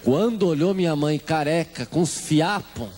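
A man's voice: a little high, moderate pace, a little mellow, slight background noise. A man with a Brazilian Portuguese accent gives a humorous testimony to a congregation, acting out the voices of the people in his story. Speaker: church testimony speaker.

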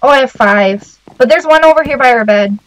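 A woman chatting casually as a guest while gaming, bubbly and quick to laugh. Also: high-pitched, dry recording, rough recording. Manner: giggly and bubbly. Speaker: guest gamer.

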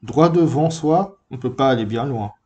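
A man's voice: medium pitch, normal speed, a little mellow, muffled recording, natural voice. A man reading aloud, voicing a small, earnest, curious boy prince in a storybook reading. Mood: pensive.

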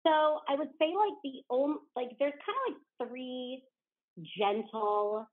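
A woman's voice: sits high, slow pace. A woman from New Jersey, a podcast guest chatting casually, talking freely with lots of "like" fillers. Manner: chatty, fills speech with "like". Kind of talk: casual interview chat. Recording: tinny phone-like line.

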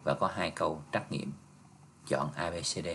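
Low-voiced male teacher. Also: normal speed, gravelly, pushed and bright, slight background noise. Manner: patient, explains step by step, ends phrases with "ha" and "nha". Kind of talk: exam review lesson.

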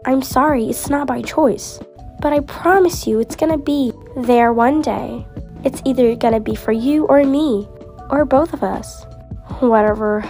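A woman's voice: high voice, unhurried, a little mellow, soft background music. A girl voicing a poor, tired mother who keeps apologizing, in a toy-game role-play. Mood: weary. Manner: pleading, apologetic.

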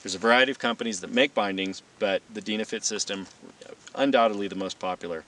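Speaking fast in a fairly low, fairly bright voice, this instructor gives a matter-of-fact, plain-spoken gear demo in an informal setting. He presents from a distance from the mic, with some light background noise.

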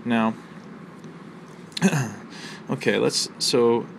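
A man teaching a college literature lesson, explaining a poem's rhythm and imagery in a measured way with fillers and pauses. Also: medium pitch, gravelly, background noise. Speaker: college instructor. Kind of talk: recorded literature lecture. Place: outdoors near a library.

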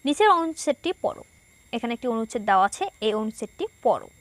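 Woman, Bangladeshi Bengali accent, school teacher; somewhat high voice, dry close mic, patient and explanatory. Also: very animated, fast, dry recording. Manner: patient and explanatory, reads passages aloud. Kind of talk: textbook lesson for schoolchildren.

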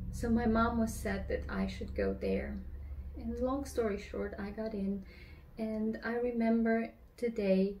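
A woman in her thirties from Romania, telling her personal faith story in an earnest, slightly halting way, seated at a table at home. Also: medium pitch, vocal fry, darkish tone, slight background noise, low-quality recording. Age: 30s. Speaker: church member giving testimony. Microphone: camera across the table.

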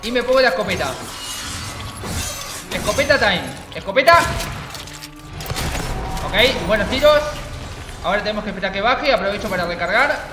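Excitable high-voiced gamer guy. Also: moderate pace, pauses often, reverberant, over music. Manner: excitable, jokey, swears, talks to the monster. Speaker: gaming channel host. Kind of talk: let's play commentary.

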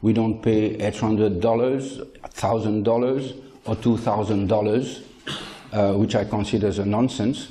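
An older man gives a conference keynote into a handheld mic, speaking in measured phrases with frequent hesitant pauses and blunt opinions. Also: on the low side, fairly even intonation, mellow, slight background noise. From France. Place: lecture hall.

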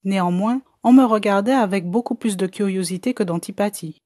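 A woman reading a science fiction story aloud as an audiobook narrator, in a measured storytelling manner. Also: mid-range voice, a little mellow, dry recording, clean studio sound. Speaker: audiobook reader. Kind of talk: scripted narration.

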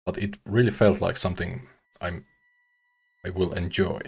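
A young Finnish man with a deep, low voice chats casually as he starts a new game, trailing off and restarting his sentences now and then. He talks into a headset mic in a small room at home, with faint game music behind him. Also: normal speed, gravelly. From Finland. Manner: relaxed, chatty, with small restarts. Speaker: gaming streamer. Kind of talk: casual let's-play commentary.

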